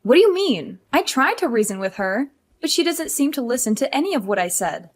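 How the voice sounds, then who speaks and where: A woman's voice: sits high, big pitch swings, brisk. A woman playing an exasperated young wife. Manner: pleading, exasperated. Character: frustrated young career wife. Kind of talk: animated story voice acting.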